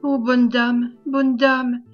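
A woman's voice: on the high side, fairly even intonation, normal speed, dull audio, soft background music, lightly acted. A woman reading as a tearful, stubborn peasant lad. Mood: pleading. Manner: pleading, respectful but determined.

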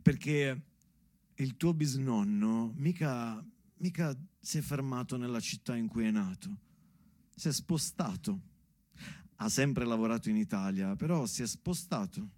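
A male stage actor and monologuist performs a storytelling theatre monologue as though speaking to his daughter, mixing conversational asides with dramatic emphasis. His expressive voice is medium-pitched and darkish, with a measured pace and no echo.

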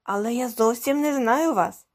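A woman's voice: a little high, moderate pace, lightly acted. Woman voicing a shy, surprised young man.

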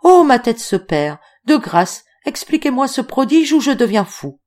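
A woman doing a flustered polite gentleman. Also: lowish voice, expressive, moderate pace. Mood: bewildered. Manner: courteous, flustered questioning.

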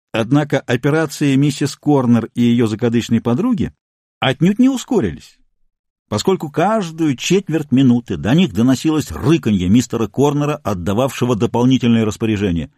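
A man reads a story aloud as an audiobook narrator, with lively, expressive pitch. His voice is mellow and the recording is close and dry. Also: a little fast, no echo.

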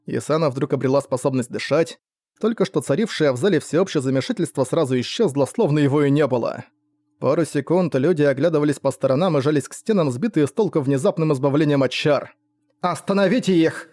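A man's voice: fairly high pitch, fast talker, warm tone, no room sound. A man giving a vivid, dramatic scripted narration of a fantasy novel. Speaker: audiobook narrator.

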